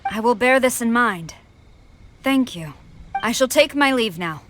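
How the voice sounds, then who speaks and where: A woman's voice: fairly high pitch, lively intonation, a little slow, a bit bright, a little hiss or hum. A woman playing a strict, honorable female general in a video game, formal and commanding. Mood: stern. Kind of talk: game voice acting.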